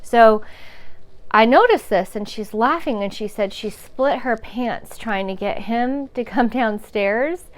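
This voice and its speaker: Speaking slowly in a fairly high voice, a woman tells a frank, rambling story about her time as a caregiver. She restarts sentences, swears and chuckles along the way.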